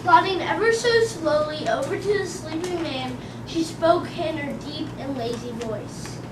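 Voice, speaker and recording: A woman's voice: high-pitched, a little slow. A female reader narrating a storybook as part of a performance. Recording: noisy, echoey room, far from mic.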